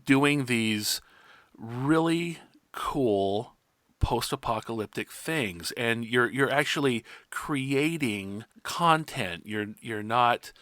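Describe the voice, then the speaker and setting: A man hosting a casual interview podcast, speaking haltingly and circling back over his phrases. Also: medium pitch, pushed and bright, smooth, no room sound.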